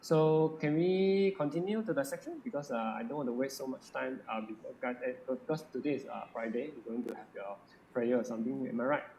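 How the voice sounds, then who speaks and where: A man with a Malaysian accent teaching an informal coding lesson, switching between English and Malay, halting and often checking that listeners follow. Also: mid-range voice, vocal fry, darkish tone. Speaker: coding workshop instructor. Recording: echoey room, faint background noise.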